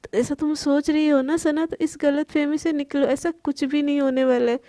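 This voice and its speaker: Indignant young woman as a woman narrator voices her, sharp accusing tone, high voice, slight rasp, close dry sound. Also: steady tone, normal speed, no echo. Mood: furious. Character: angry proud young woman Palak.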